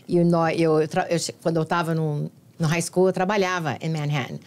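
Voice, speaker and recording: A woman's voice: low-pitched, level tone, a little fast, darkish tone. A woman who grew up in New Jersey, hosting a podcast interview in casual chat with short friendly replies. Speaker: podcast host, immigration lawyer.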